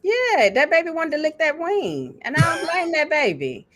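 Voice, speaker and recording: A woman's voice: sits high, very animated, normal speed, fairly bright tone. A woman in her forties co-hosting a podcast, telling stories animatedly and laughing often. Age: 40s. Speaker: podcast co-host. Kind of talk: casual chat.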